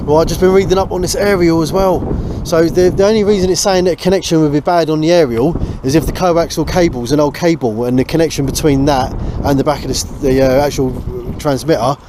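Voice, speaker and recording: A British man talks quickly and evenly, barely pausing, as he thinks aloud while working on a small boat. He's the host of a boat restoration vlog, giving casual, hands-on commentary. The recording is noisy, with an engine-like rumble in the background.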